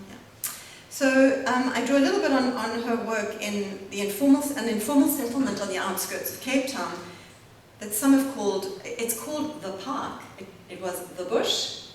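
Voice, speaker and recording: A woman giving an academic lecture, reading from a prepared text and adding spoken asides. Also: medium pitch. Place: lecture hall. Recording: very echoey hall, distant mic, faint hum.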